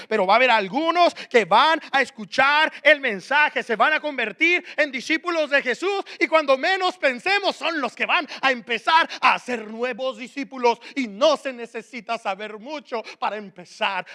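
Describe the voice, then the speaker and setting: Male preacher, high and bright, swinging from loud emphasis to quiet asides. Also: dry recording, clean studio sound. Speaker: pastor. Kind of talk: sermon.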